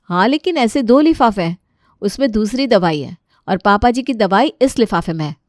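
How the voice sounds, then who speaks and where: A woman's voice: medium pitch, animated, normal speed, no room sound, clean studio sound, lightly acted. A woman voicing a scheming young daughter-in-law in a cartoon story who speaks sweetly and laughs slyly. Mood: urgent. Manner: sly laughter, sugary politeness.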